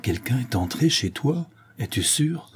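A man's voice: mid-range voice, fairly even intonation, fairly quick, warm tone, husky, pitched above the performer's own voice, close to an everyday voice. A man voicing a frightened, tearful old woman nurse in an audiobook, pleading and stammering. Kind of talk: audiobook character reading.

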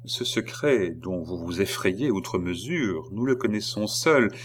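A man reading the part of a royal brother, speaking softly and reassuringly. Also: fairly low pitch, animated, a little slow, slight background noise. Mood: tender. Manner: soft, tender, reassuring.

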